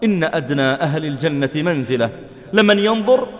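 A man's voice: fairly high pitch, expressive, fairly quick, big-room sound. A man preaching in a dramatic storytelling manner, acting out the quoted voices. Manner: dramatic, voices the quoted speakers, chants verse. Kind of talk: sermon storytelling.

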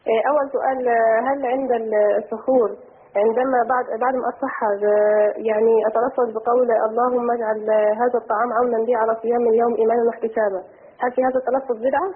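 Female caller, husky, very quick, formal wording, thin telephone audio. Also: a little high, flat delivery. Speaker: caller to a religious programme. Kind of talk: questions in careful formal register. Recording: rough narrow phone line.

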